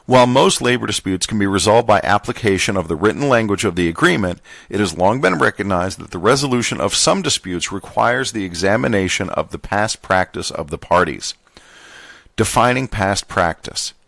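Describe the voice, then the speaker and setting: A man hosting a podcast, reading a labor contract manual aloud word for word in a plain, steady voice, now and then stumbling and correcting himself. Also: on the low side, moderate pace, creaky, dry recording. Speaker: podcast host.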